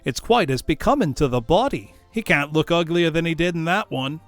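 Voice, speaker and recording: Man putting on a brazen, high-pitched charwoman. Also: expressive, fairly quick, soft background music, natural voice. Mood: brazen, self-satisfied. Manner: scornful, brash, emphatic. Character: brazen, gloating charwoman, coarse and defiant. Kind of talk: storybook character voice.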